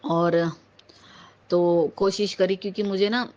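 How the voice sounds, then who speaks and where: A woman's voice: on the low side, fairly even intonation, slow, a little mellow. A woman from Uttar Pradesh telling a personal devotional story to a congregation, rambling, with many fillers and restarts. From Uttar Pradesh, India. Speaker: devotee sharing a testimony. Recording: slightly dull home phone recording.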